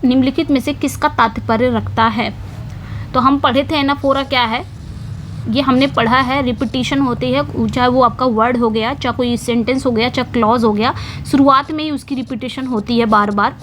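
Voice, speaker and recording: A woman teaching English literature for exams, explaining each question in Hindi and reading the English slowly, repeating key words as she writes on a board. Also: sits high, fairly bright tone, slight background noise. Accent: Indian English. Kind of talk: exam-prep lesson.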